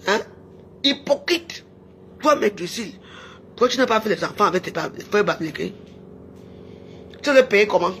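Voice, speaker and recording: A woman's voice: mid-range voice, expressive, normal speed, pauses often, slight background noise. A woman, delivering a heated, taunting rant to her camera, repeating her jabs. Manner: heated, taunting, repetitive shouting. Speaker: social media personality. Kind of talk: angry insulting rant to camera.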